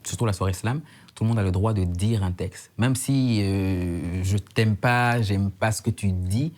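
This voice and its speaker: A man's voice: fairly low pitch, unhurried, darkish tone. A man in his thirties from Côte d'Ivoire, a slam poet talking thoughtfully in an interview and repeating phrases for emphasis. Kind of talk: casual interview chat.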